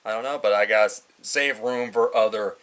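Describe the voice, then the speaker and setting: A man's voice: on the low side, fairly even intonation, a little fast, a bit bright. A man hosting a reaction video, rambling loosely and thinking aloud. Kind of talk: casual reaction commentary.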